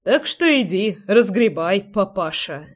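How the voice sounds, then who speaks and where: A man's voice: high-pitched, a little slow. A reader voicing Morton, a young man who talks sarcastically. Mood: mocking. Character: mocking young man, a friend.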